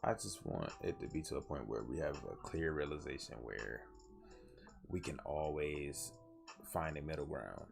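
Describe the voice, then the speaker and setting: Very deep gravelly tired man. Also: moderate pace, over music. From southwest Georgia, US. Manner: earnest, preachy, rambling with many restarts. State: tired, yawning. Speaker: podcast host. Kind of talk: solo podcast monologue.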